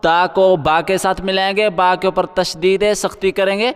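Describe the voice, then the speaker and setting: A man teaching Quran reading with tajweed, spelling out syllables and chanting words slowly, then explaining the rules quickly. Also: sits high, fairly even intonation, smooth, in a large hall.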